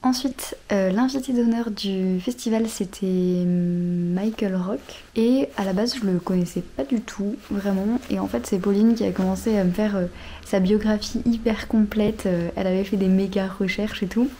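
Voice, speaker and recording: A young woman in her twenties chatting casually about books in a vlog, with many fillers and soft, half-whispered asides. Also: mid-range voice, moderate pace, a little hiss or hum. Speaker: vlogger. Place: outdoors near road traffic.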